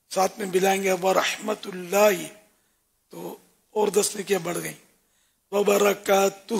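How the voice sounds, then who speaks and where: Soft-spoken raspy older man. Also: high-pitched. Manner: soft-spoken, often drops to a whisper, draws out words slowly. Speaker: religious scholar answering questions. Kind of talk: religious guidance talk.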